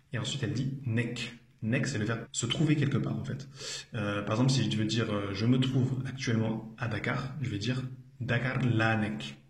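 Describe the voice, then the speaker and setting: A man's voice: medium pitch, darkish tone. Patient man teaching in an echoey room. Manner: patient, repeats each phrase, frequent hesitations. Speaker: language teacher. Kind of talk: explanatory video lesson.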